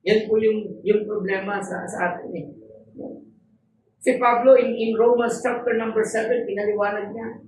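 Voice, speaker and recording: A woman's voice: medium pitch, steady tone, moderate pace, a little mellow, distant mic, a little hiss or hum. A woman preacher giving a sermon to her congregation. She asks rhetorical questions and stresses key words. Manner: code-switching, rhetorical questions, emphatic. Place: church hall. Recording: roomy hall, off-mic, faint ambience.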